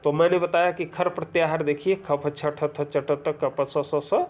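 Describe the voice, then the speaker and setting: A man's voice: a little high, steady tone, unhurried, a little mellow. Man teaching a grammar lesson, step by step. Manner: explains step by step, often checks "clear?"; reads rules aloud, then lists letters one by one. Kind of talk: exam-prep grammar lesson.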